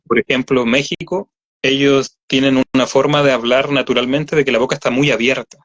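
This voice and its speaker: A Chilean-accented man, a voice actor appearing as a guest, chats at length in a casual interview and explains things with many fillers. His medium-pitched voice is fairly bright, and his delivery is flat and brisk. The audio is lo-fi and slightly dull.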